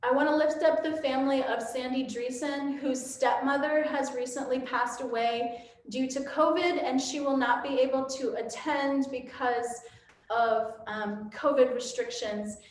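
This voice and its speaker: A woman's voice: sits high, fairly even intonation, a little slow. A woman leading a church service and giving announcements with frequent ums, her voice carrying a cathedral echo in a church sanctuary. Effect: cathedral echo from a large church hall. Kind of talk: church announcements to a streamed congregation. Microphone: room microphone for a livestream. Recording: heavy echoey church room.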